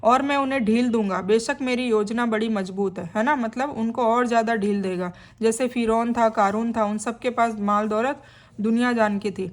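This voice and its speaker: Woman, fairly high voice, steady teaching read of a scripture translation with plain-spoken explanation. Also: moderate pace. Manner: reads a passage, then explains it in plain conversational words; adds friendly check-ins to the listener. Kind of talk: reading a scripture translation with commentary.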